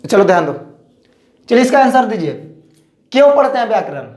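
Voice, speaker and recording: A male teacher with a Bihari Hindi accent, giving a classroom lecture in a lively, joking, repetitive way. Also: high voice, brisk, echoey room.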